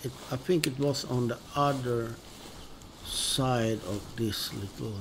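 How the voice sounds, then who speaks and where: A man from northern Sweden with a Swedish accent, commenting on his gameplay in a relaxed, hesitant, musing way with many pauses and restarts. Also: mid-range voice, slight background noise. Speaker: gaming video host. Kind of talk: relaxed let's-play commentary.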